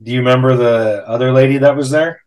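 A man's voice: mid-range voice, fairly even intonation, fast talker, highs cut off. A man hosting a podcast, chatting easily with short replies and plenty of fillers. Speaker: podcast host. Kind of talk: casual interview chat.

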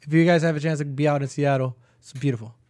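A young man telling a story in a casual chat, animated and full of slang and swearing. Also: a little high, quick pace, dry recording. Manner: animated, swearing, acts out quotes. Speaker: podcast co-host.

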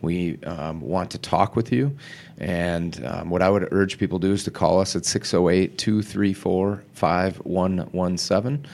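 A man with a deep voice speaks as a guest on a podcast. He explains things in a casual, conversational way, sometimes halting and repeating himself. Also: fairly even intonation, gravelly, a little mellow. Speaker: podcast guest, mortgage professional.

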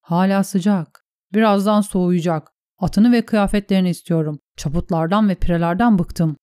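Brief: woman reader doing a cynical, mocking knight in an audiobook, dark tone, dry sound. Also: fairly low pitch, moderate pace, no room sound, lightly acted. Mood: sardonic. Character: cynical noble male knight, sardonic.

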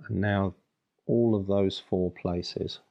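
A man leading a guided meditation, giving soothing, unhurried instructions in short phrases with long pauses, on a slightly dull recording. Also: low-pitched, fairly even intonation, gravelly, dark tone.

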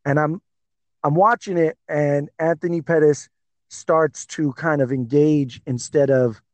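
A man co-hosting a podcast, chatting casually about fights in an excitable, rambling way with many fillers. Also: on the high side, a little slow, no echo. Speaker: podcast co-host. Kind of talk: casual sports chat.

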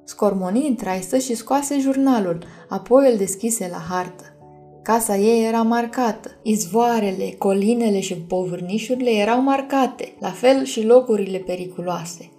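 Mellow woman reading a storybook. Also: a little high, soft background music. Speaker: audiobook narrator. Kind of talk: scripted storybook narration.

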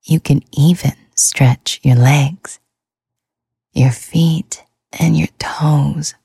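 Female sleep-podcast host; slow, soothing whisper, gravelly and mellow. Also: sits low, steady tone, dry recording, clean studio sound. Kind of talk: whispered ASMR sleep talk.

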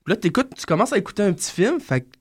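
Quebec French man, radio columnist, lively and a bit high, stumbles on big words. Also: racing, husky. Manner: animated, hesitant, stumbles over long words. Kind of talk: radio banter.

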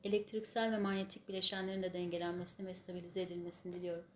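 A woman leading a spiritual healing session as guided meditation and prayer, giving instructions and blessings in measured, solemn phrases. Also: lowish voice, flat delivery. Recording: echoey room, faint background noise.

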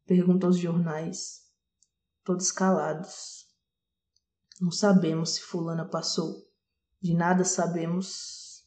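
A woman giving a dramatic poetry recitation, lingering on single words with shifting loudness. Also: lowish voice. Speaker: poetry reader. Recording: roomy echo.

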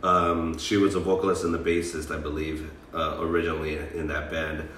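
A man's voice: extremely low pitch, little pitch movement, a little fast, a bit bright, reverberant, distant mic, slight background noise. A man co-hosting a casual music chat, introducing songs with many hesitations and fillers. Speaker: co-host presenting songs.

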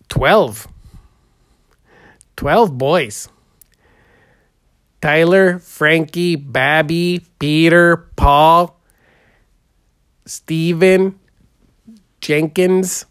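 A man's voice: a little high, drawn-out words, long pauses, a bit bright, clear, resonant tone, dry recording, clean studio sound. A man playing a goofy, heavyset portrait painter in an improvised comedy interview, drawling and rambling with lots of "uh" and "there".

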